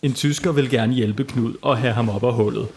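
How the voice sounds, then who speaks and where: Playful man telling a bedtime story. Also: medium pitch. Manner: playful, lively. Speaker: storyteller host. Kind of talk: improvised children's bedtime story.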